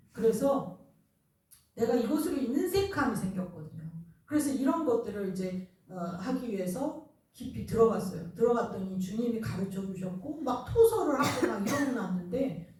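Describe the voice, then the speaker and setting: A woman's voice: on the high side, dark tone. A woman pastor preaching a sermon in a conversational way, telling personal stories with laughter, in a church sanctuary. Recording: very echoey hall, voice from a distance.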